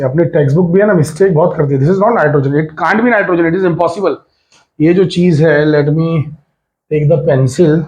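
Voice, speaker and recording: A man's voice: a little high, darkish tone, dull audio. Chatty man teaching physics. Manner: chatty, repeats key words, mixes English in. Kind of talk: casual board exam lecture.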